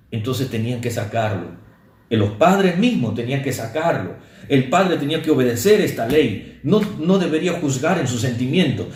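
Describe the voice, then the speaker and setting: A man's voice: medium pitch, darkish tone, echoey room. A male pastor preaching an earnest sermon, often calling his listeners brother.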